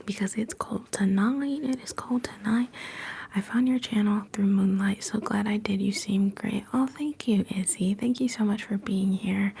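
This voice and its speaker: Greeting her chat viewers softly, a woman runs a whispered ASMR stream from home, sliding from whisper to soft-spoken voice and back. The phone recording her is set some distance away, and her mid-range voice is gravelly with a breathy edge.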